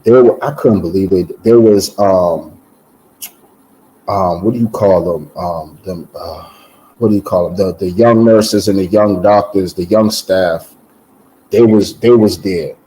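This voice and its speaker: Man, low mellow voice, loose conversational testimony, lots of restarts and fillers. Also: a little slow, poor audio. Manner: animated, repeats words and restarts with many "um"s. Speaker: guest giving a testimony. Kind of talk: casual personal storytelling.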